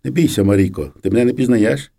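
A man's voice: mid-range voice, fast talker, creaky, warm tone. A man voicing a remorseful young soldier. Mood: gentle. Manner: tender, pleading.

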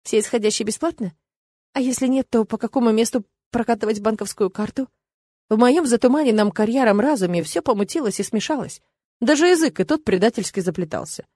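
A woman reading a first-person novel aloud in a lively, ironic storytelling manner. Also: a little high, a little fast, dry recording. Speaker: audiobook narrator.

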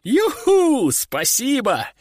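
Gleeful young recruit, man voicing him, high chirpy shouts, dry close sound. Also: sing-song, normal speed, no echo. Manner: bright, chirpy exclamations. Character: cheerful eager young male recruit, cheeky.

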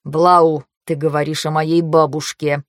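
A woman's voice: lowish voice, moderate pace, no echo, clean studio sound, close to an everyday voice. Woman voicing a haughty young nobleman. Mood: cold. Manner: curt, scolding.

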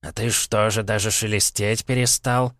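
A man's voice: fairly low pitch, fairly even intonation, normal speed, a bit bright, no room sound, studio quality, pitched above the performer's own voice, lightly acted. A man voicing an arrogant male falcon god who speaks down to others, in an audiobook. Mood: haughty. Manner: haughty, condescending.

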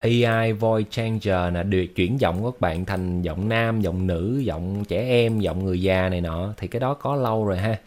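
A man chats to viewers on a livestream. His voice sits a little low. He explains things loosely, full of fillers and restarts. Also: moderate pace, few pauses, darkish tone. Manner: chatty and explanatory, with many fillers and repeated words. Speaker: livestream host. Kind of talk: casual livestream chat with viewers.

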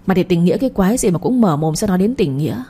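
Woman reading a vengeful village man, hard quick threats, dark husky voice. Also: mid-range voice, lively intonation. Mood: threatening. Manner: threatening, fast and angry. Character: grieving vengeful young village man Lập.

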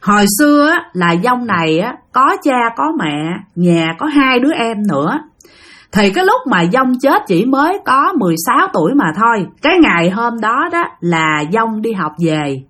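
Brief: Southern Vietnamese woman telling a ghost story, husky, lively pitch, chatty. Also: moderate pace. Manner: chatty, addresses listeners directly. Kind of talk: spooky storytelling.

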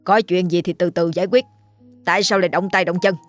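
A woman voicing a gruff middle-aged male village official who barks orders at his wives. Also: lowish voice, fairly even intonation, a little fast, soft background music, natural voice. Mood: stern. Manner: barking, commanding.

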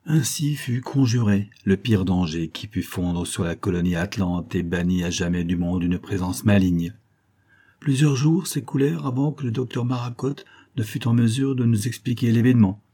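Man narrating an audiobook, measured and dramatic, dark mellow tone, husky. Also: fairly low pitch. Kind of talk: audiobook reading of a novel.

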